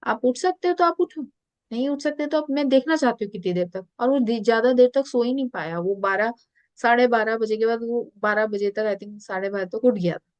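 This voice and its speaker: A woman's voice: a little high, a little fast, no echo, dull audio. A woman spiritual coach telling stories in a podcast interview, earnest, mixing English phrases into her talk.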